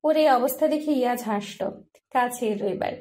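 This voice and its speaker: A woman narrating a romance story in a soft, even storytelling voice. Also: a little high, moderate pace.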